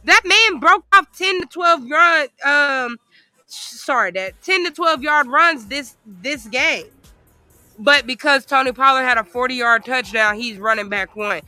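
A woman's voice: high-pitched, a little slow, bright, forceful tone, dry recording, soft background music. A woman co-hosting a casual sports chat, talking in an emphatic, opinionated rant. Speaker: co-host.

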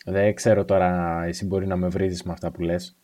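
A man's voice: low-pitched, flat delivery, warm tone. A man co-hosting a podcast in casual chat, with teasing, playful banter. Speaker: podcast co-host.

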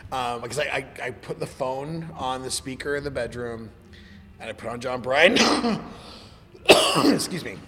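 Gravelly smoker's rasp, man in echoey room. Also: medium pitch, normal speed, a bit bright. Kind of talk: casual conversation about music. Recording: reverberant room with background noise.

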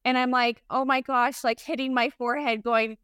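A woman's voice: high voice, fairly even intonation, moderate pace, a bit bright, clean tone, no room sound, clean studio sound. A middle-aged woman talking casually and emphatically as a guest expert in an interview. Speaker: podcast guest, esthetician and company founder.

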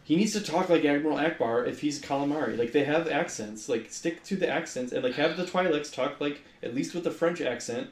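A man's voice: a little high, fairly quick, few pauses. Man, podcast co-host, rambling casual talk, roomy echo. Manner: rambling, heavy use of "like".

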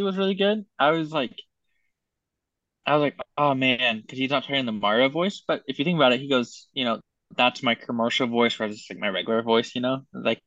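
Bright-voiced laid-back man. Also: mid-range voice, no room sound, dull audio. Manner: laid-back, filler-heavy slang. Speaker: podcast co-host. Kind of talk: casual chat.

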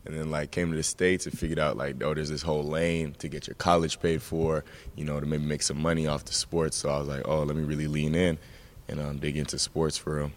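A man's voice: a bass voice, brisk. A young man from Jamaica, a college basketball player, chatting casually as a radio guest and laughing easily. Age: young adult. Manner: relaxed, laughs easily, says "man" and "like" a lot. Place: student radio studio.

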